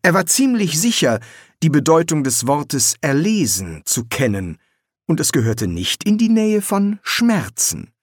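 A narrator reading a fantasy audiobook in measured, expressive storytelling. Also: medium pitch, no echo, studio quality. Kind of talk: scripted narration.

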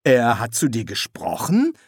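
A man's voice: mid-range voice, wildly swooping pitch, measured pace, gravelly, husky, dry recording, studio quality, heavily acted. A man voicing an anxious young king who hesitates and fusses in an audiobook. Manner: hesitant, fussy.

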